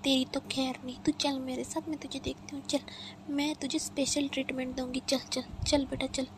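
A woman's voice: high voice, level tone, moderate pace. A woman playing a stern, teasing mother who scolds her son in a comedy sketch, recorded with noise behind. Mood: scolding. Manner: scolding, threatening in a mock-sweet way.

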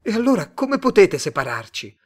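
A man reading a story aloud, voicing an agitated young man desperate in love who pleads and shouts. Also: medium pitch, sing-song, normal speed. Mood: pleading.

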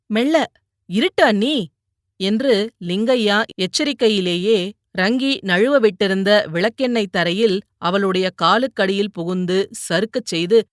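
A woman reading a novel aloud as an audiobook narrator, telling the story in a measured way and raising her voice for characters who shout. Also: medium pitch, dry recording, clean studio sound.

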